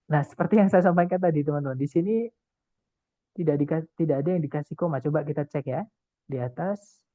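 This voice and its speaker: Male tutor, patient and methodical, explains slowly over a thin, dry online call line. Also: on the high side, no echo. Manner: patient, explains step by step, keeps addressing the class. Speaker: TOEFL tutor. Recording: tinny call audio, dry.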